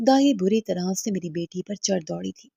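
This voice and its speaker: A woman's voice: medium pitch, creaky, warm tone, husky. A woman narrating an emotional first-person story as a mother, in a scripted storytelling style.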